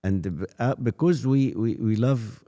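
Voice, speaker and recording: This octogenarian Coptic priest, whose first language is Arabic, speaks with an Egyptian accent as an interview guest. His mid-range, warm voice falters and doubles back on words as he tells the story of his life as a priest.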